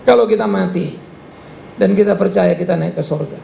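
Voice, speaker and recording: Guy preaching a sermon, gets really animated, gravelly, big echoey church. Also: sits high, a little fast. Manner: emphatic, animated preaching with acted quotes. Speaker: pastor. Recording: echoey church hall, gravelly, faint noise.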